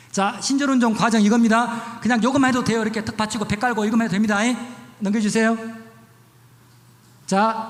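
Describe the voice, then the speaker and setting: A middle-aged male pastor giving a chatty, demonstrative health talk in church, repeating short instructions as he goes through slides. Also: high-pitched. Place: church hall. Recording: echoey church hall.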